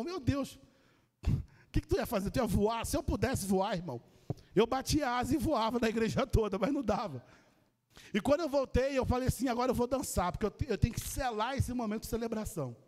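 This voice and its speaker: A man with a Brazilian Portuguese accent preaching a sermon, telling a story with lively energy and calling out to the congregation. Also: very high voice, big-room sound. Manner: animated storytelling, addresses the congregation. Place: church.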